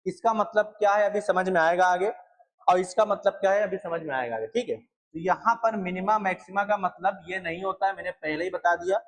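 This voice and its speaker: At a board, a young math teacher lectures in a high, brisk voice, repeating his points and putting questions to his students. The recording quality is low.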